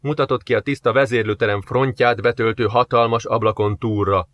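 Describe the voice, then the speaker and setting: A man voicing a hot-tempered male first officer who gives sharp, commanding orders. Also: medium pitch, steady tone, lo-fi sound, natural voice. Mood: furious.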